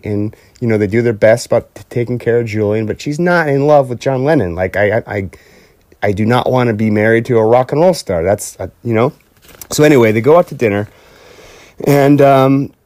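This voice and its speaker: Male podcast host, casual storyteller, mid-pitched, rambling and full of fillers, dry close recording. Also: darkish tone, no echo. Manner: rambling, lots of fillers and restarts, acts out quotes.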